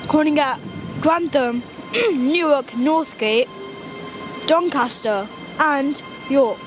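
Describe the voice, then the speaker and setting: A woman giving mock train station announcements in a slow, halting announcer delivery, outdoors on a railway platform. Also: high voice, music in the background. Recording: noisy outdoor station recording.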